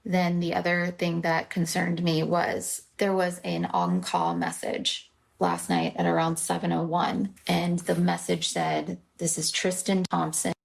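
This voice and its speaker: Gravelly-voiced woman giving a report. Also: on the low side, measured pace. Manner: matter-of-fact, detailed. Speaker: apartment manager. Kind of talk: report to police.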